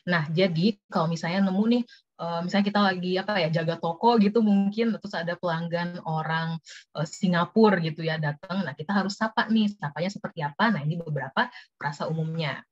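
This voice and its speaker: A woman's voice: fairly low pitch, lo-fi sound. Chatty young woman teaching English phrases. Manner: chatty, models English phrases slowly and clearly. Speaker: webinar speaker teaching workplace English. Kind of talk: casual online lesson.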